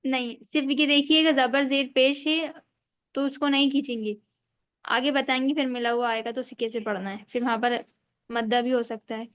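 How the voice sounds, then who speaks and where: Woman teacher, slightly high voice, dry and dull online-call sound, patient and repetitive. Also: fairly even intonation, a bit bright, no echo. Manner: patient, repeats each rule and checks understanding. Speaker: Quran reading teacher. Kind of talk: online class lesson.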